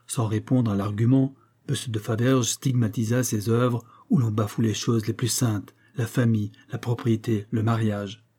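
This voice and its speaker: A man narrating an audiobook in a measured, even literary reading. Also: medium pitch, husky.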